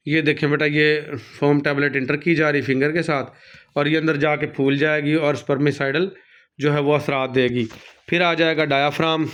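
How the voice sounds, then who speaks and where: A man lecturing a nursing class, reading English textbook lines slowly and then explaining each one. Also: on the high side, clean tone. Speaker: nursing course teacher. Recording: slightly dull lo-fi recording.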